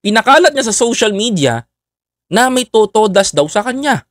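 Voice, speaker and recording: A man's voice: high-pitched, big pitch swings, normal speed, fairly bright tone, dry recording, clean studio sound. A man delivering a mocking satirical monologue, needling his target with repeated taunts and calling out to his viewers. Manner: mocking, keeps addressing viewers as fellow countrymen. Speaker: satirical political vlogger.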